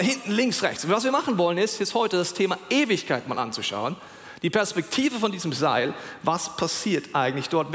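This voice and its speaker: A man preaching a sermon in an animated way, speaking straight to his listeners with questions. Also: high-pitched. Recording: long hall reverb.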